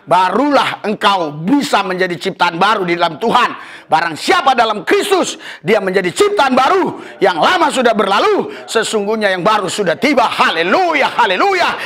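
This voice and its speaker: A man preaching a fervent sermon as pastor, often calling out hallelujah and rising to exultant shouts. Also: high-pitched. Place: church service.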